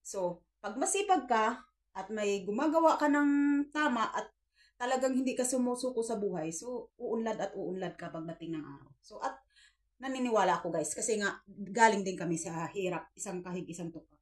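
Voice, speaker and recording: A woman in her fifties talks straight to her viewers, earnest and a little preachy. Her voice sits at an ordinary middle pitch, and she keeps the tone of a casual home vlog. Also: expressive, normal speed. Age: 50s. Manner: earnest, preachy, addresses viewers as guys, acts out quoted dialogue. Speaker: vlogger giving life advice. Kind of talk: casual advice talk to viewers.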